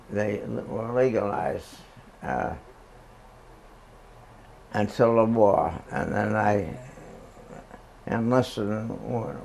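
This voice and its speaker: A very old man, recalling the past in a halting, hesitant oral history interview. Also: fairly low pitch, gravelly, slight background noise, rough recording.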